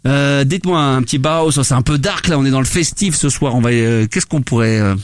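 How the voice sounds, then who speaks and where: A radio host with a mid-range voice runs a free-form show from a studio, speaking fairly quickly with no echo. His talk is rambling, hesitant and chatty, with casual swearing.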